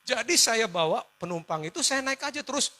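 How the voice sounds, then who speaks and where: Animated, bright-voiced male preacher. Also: very high voice, fairly quick. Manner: animated storytelling, switching between shouts and hushed tones, laughing along. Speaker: pastor. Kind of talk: sermon with a personal story.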